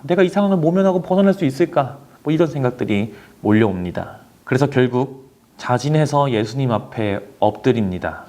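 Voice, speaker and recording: A man's voice: fairly high pitch, mellow. A young man preaching to teenagers, telling a story dramatically and speaking the characters' inner thoughts aloud. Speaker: youth pastor. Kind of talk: sermon to teenagers.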